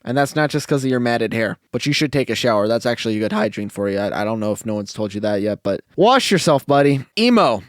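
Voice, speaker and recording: A man's voice: medium pitch, expressive, fast, few pauses, no room sound. Sarcastic young man roasting genres. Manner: sarcastic, mocking, puts on silly voices. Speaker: comedic music reviewer. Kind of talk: comedy rant, roasting genres.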